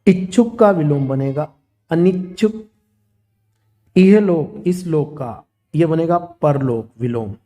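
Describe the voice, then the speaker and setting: A man's voice: a little high, slow pace, long pauses. A man teaching a grammar lesson, steadily listing words and their opposites. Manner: steady, listing word pairs one after another.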